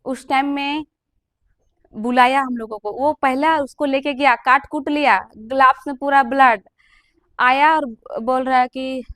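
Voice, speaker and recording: Young woman, fairly high voice, emotional testimony teller, dry sound. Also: steady tone, a little slow, a bit bright, no echo. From Jharkhand, India. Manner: earnest and emotional, acting out the people she quotes. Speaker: testimony giver.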